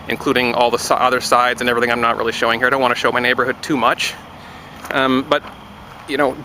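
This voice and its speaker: Man, casual vlog, rambling, wry, bright voice, outdoors, faint traffic noise. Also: mid-range voice, low-quality recording. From Canada. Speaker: vlogger. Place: outdoors near a road construction site.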